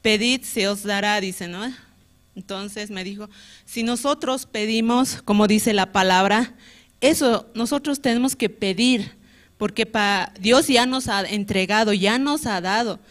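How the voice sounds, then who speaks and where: A woman from Bolivia giving a conversational testimony at a Sunday church service, with many little tag questions, pausing to search for Bible verses aloud. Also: medium pitch.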